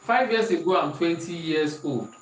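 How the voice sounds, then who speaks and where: Working through examples in an online maths lesson, a Nigerian-accented man repeats questions and reads students' answers aloud. His fairly high voice is expressive at normal speed. The echoey room, distant off-mic placement, and faint hiss mark the recording.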